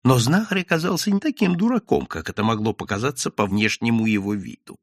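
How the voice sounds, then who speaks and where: A man narrating a literary audiobook in an expressive, wry storytelling manner. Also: mid-range voice, brisk, vocal fry, breathy edge, no room sound, studio quality.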